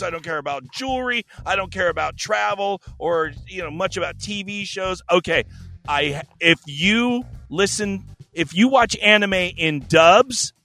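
A man's voice: high-pitched, a bit bright. A man co-hosting a casual adult podcast, brash and profane, telling jokey stories. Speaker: podcast co-host. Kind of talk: crude casual chat.

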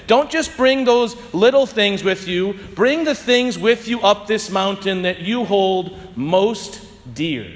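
A man serving as priest, reading the gospel and preaching a homily in a measured, solemn way, his voice ringing with cathedral echo. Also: sits high. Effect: cathedral echo, long church reverb. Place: large church. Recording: long reverb from a large church.

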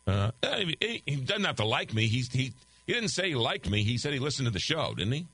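A husky, pushed, bright mid-range voice belongs to an older man talking fairly quickly in a sing-song way. He hosts a call-in talk radio program from a studio with a studio microphone, conversationally reading listener texts and ad copy even as he loses his voice.

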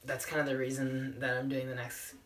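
Woman, twenties, deep voice, echoing bathroom, slightly distant mic, talkative, casual, self-deprecating. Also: monotone, brisk, fairly bright tone. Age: 20s. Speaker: interview guest. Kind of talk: casual, joking podcast chat.

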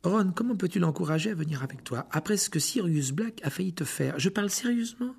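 A man's voice: sits high, expressive, quick pace, creaky, darkish tone, husky, voice pushed up, exaggerated voice. A man playing a bossy teenage girl. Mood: stern. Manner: insistent, scolding. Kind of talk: audiobook character reading.

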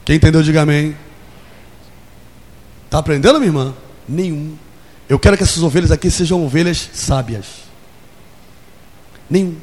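A man's voice: fairly high pitch, moderate pace, long pauses, darkish tone. A man in his forties preaching a sermon in a church, leading call and response and acting out little scenes. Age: 40s. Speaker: pastor. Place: church hall. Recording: long hall reverb.

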